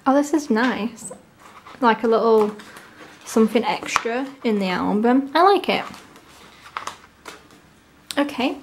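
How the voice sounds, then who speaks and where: Higher-pitched woman with a sore, tonsillitis throat. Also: expressive, slow pace, long pauses, slight background noise. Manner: gushing, enthusiastic. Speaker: unboxing video host. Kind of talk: casual excited unboxing commentary.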